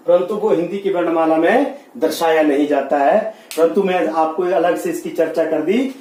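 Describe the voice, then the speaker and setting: High-voiced male Hindi teacher, echoey room. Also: a little mellow. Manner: explains slowly, spells letters out piece by piece, asks and answers his own questions. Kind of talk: classroom grammar lesson. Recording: echoey room, mic at a distance.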